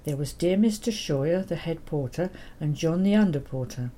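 An older woman, reading her childhood memoir in a gentle, wry manner. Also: low-pitched, expressive, normal speed. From England. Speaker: memoir narrator.

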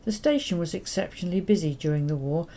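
An elderly woman reads from her memoir in a low, mellow voice. Her telling is gentle and quietly wry. She keeps an even storyteller's pace. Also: quick pace. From England. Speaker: memoir narrator. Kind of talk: reading a childhood memoir.

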